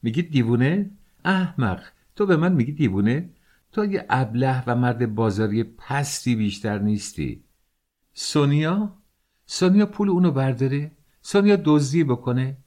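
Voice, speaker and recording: A man voicing a frantic, indignant woman who shouts and scolds as she defends a girl. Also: medium pitch, animated, breathy edge, voice pushed up. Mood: furious, shrill.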